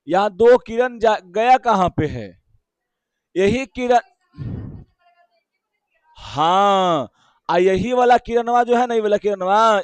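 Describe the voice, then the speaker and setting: A male physics teacher with a Bihari Hindi accent and a high, bright-pitched voice takes his lesson slowly. He repeats every key term and keeps checking understanding with brief questions to the class. The recording is close and dry, with no room sound.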